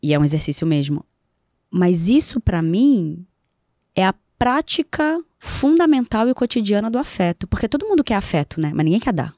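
A woman speaks as a podcast guest, her voice sitting in an ordinary middle register. She drives her points home by repeating them and slows down when she recites. The sound is close and dry, as in a studio. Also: medium pitch, big pitch swings, warm tone, dry recording. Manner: emphatic, repeats key phrases, slows for recitation. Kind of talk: conversational interview talk.

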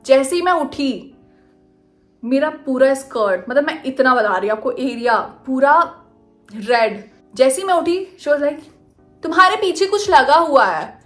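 Young woman vlogger, chatty storyteller, slightly high voice. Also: a little slow, soft background music. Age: young adult. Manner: chatty, animated, mixing Hindi and English. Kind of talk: casual storytime.

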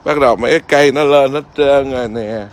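A man's voice: mid-range voice, fast talker. A man, a Buddhist monk, chatting casually outdoors in his garden and keeps asking his viewers whether they see. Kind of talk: casual home vlog.

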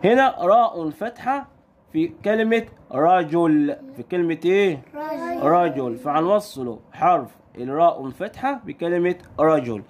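A man with an Egyptian Arabic accent teaching young pupils their letters, stretching sounds out slowly and firing quick questions at the children. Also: fairly high pitch, lively intonation, a little hiss or hum. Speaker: primary school Arabic teacher. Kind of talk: recorded lesson for young children.

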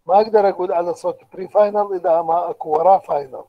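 A man's voice: sits high, fairly even intonation, very fast, muffled recording. A male lecturer with an Iraqi Arabic accent, patiently explaining step by step in an online university lecture and asking the class questions. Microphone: computer microphone, online lecture.

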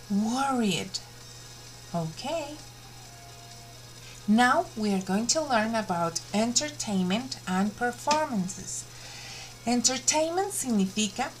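A woman's voice: mid-range voice, slight background noise, poor audio. A woman with a Colombian Spanish accent teaching a bilingual English lesson to young students, drawing out each word for them to repeat. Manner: slow, drawn-out pronunciation drills.

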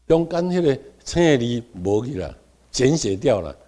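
A middle-aged Taiwanese man lecturing a class in a plain mid-pitched voice. He drops into quiet asides, then jumps to loud, stressed words to drive a point home. Now and then he leads the room in repeating a term after him. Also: very animated, a little slow.

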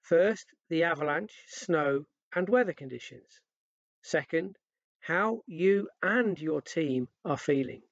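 A man reading scripted instructional voice-over in an even, read-out manner. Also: on the high side, slow pace, creaky, no room sound, highs cut off. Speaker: narrator.

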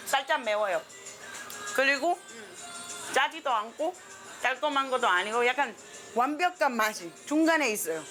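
High-voiced Colombian woman over background music. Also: lively intonation, normal speed, long pauses. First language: Spanish. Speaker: featured subject of a documentary. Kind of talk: casual chat to camera.

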